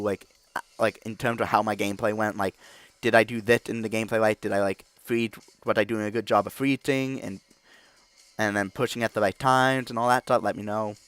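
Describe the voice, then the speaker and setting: A man hosting a gaming channel who gives rambling, filler-heavy video game commentary and gets excited and loud at times. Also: on the low side, no room sound.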